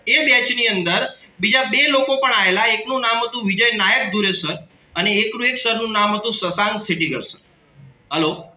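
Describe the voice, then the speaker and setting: A man's voice: high-pitched, moderate pace, bright, forceful tone, roomy sound, distant mic, a little hiss or hum, low-quality recording. A man of around 30 with a Kathiawadi Gujarati accent gives a motivational business seminar talk, joking and calling out to the audience. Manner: jokey, calls out to the audience. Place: hall with an audience.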